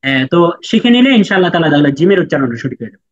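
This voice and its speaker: A man with a slightly high voice, very animated and very fast, runs an online lesson on pronouncing Quran letters. He patiently repeats each sound for students to echo, and the recording is dry, dull and lo-fi.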